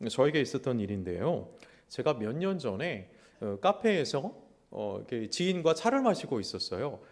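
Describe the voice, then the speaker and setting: A man preaching as a pastor in a church, with a naturally loud voice. He acts out quoted words in a lively way. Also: medium pitch, moderate pace. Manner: animated, acts out God's and people's words in quotes. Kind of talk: sermon. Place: church sanctuary.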